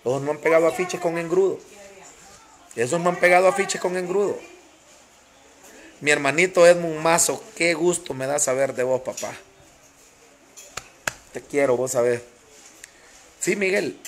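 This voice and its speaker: A man's voice: fairly high pitch, unhurried, long pauses. A man with a Honduran accent ranting passionately on a live stream, greeting viewers by name and repeating phrases for emphasis. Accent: Honduran Spanish.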